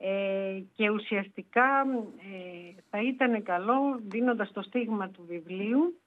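Hesitant woman on a phone line. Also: mid-range voice. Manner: hesitant, many fillers. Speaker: author guest. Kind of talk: radio interview.

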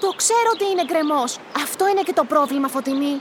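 A woman's voice: high-pitched, noisy background, close to an everyday voice. A woman voicing a bold, clever young village girl who leads her friends in a children's radio drama, talking eagerly and persuasively. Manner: eager, persuasive, quick-witted.

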